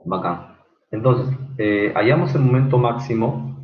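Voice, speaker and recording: A man teaching an online engineering class, halting with many fillers and quizzing students by name. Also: mid-range voice, lively intonation, echoey room, lo-fi sound. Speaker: engineering lecturer.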